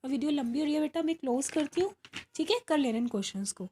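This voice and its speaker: Speaking fast and expressively in a high, mellow voice, a woman leads children through a recorded worksheet lesson, patiently taking each step and frequently checking they are keeping up. She repeats "ठीक है" and addresses pupils as "बेटा", with slight background noise present.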